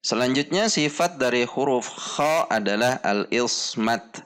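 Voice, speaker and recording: A man with an Indonesian accent teaching Quran letter pronunciation in a slow lesson, drilling each sound again and again. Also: mid-range voice, expressive, a bit bright, clean tone. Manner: slow, deliberate, demonstrates sounds repeatedly.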